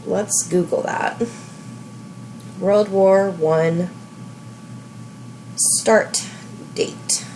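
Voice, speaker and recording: A woman in her thirties hosting a let's play, giving casual, chatty game commentary in a relaxed way. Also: mid-range voice, slight background noise, rough recording. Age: 30s. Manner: chatty, relaxed, slow talk.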